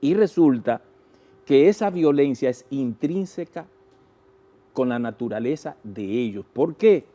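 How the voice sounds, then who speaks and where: Mellow Dominican man giving deliberate analysis. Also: mid-range voice, expressive. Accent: Dominican Spanish. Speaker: guest political analyst and journalist. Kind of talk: interview analysis, explanatory.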